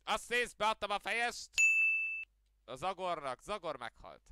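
A man streaming video games live, talking to his chat in an excitable way, muttering one moment and yelping the next, often cutting off curses mid-word. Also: sits high, very noisy. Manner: excitable, swings between muttering and yelping outbursts. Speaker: game streamer. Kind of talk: live gaming stream commentary.

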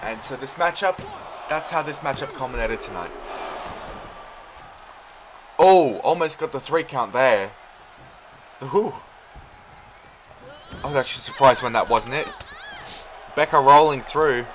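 A man doing casual play-by-play commentary over a wrestling video game, rambling between moves and shouting when big moves land. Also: mid-range voice, measured pace, long pauses, slight background noise. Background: game music.

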